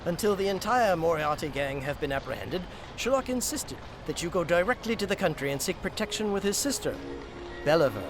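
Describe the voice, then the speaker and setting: Doctor Watson, high-pitched, earnest. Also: male voice, big pitch swings, brisk, music in the background. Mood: concerned. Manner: earnest, commanding, formal. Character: brisk, gallant, protective Victorian doctor, sleuth's associate. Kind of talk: radio drama acting. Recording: clear outdoor street and vehicle noise.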